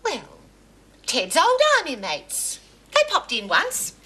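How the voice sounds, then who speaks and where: A coy, giggly housewife whose fairly high voice swoops up and down. She drawls her lines slowly, and a steady hiss runs under the sitcom audio. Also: full character voice. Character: giggly middle-aged housewife.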